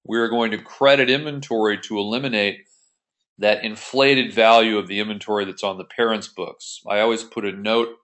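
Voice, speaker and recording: Speaking fairly quickly in a lowish, slightly bright voice with steady tone, an accounting instructor explains material via screen share. His approach is methodical and informal.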